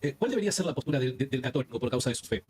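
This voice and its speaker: Husky male interviewer, rapid probing questions, slightly high. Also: lively intonation, a little mellow. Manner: probing, hesitant, rephrasing questions.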